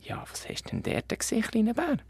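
A man with a Swiss German accent voicing a calm, patient mother bear in a children's story. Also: extremely high pitch, a little fast, gravelly, slightly rough, no room sound, voice pushed up, full character voice.

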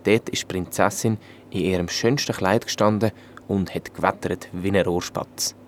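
A man with a Swiss German accent telling a fairy tale in a calm, even manner. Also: low-pitched, moderate pace, slight background noise. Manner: calm, even storytelling in dialect. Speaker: storyteller.

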